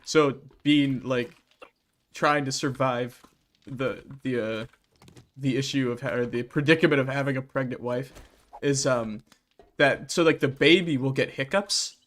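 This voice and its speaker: A young man in casual chat while playing a game, talkative and quick to laugh, acting out little quoted voices. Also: medium pitch, a bit bright. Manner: chatty, laughs often, acts out quoted voices. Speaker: streamer guest.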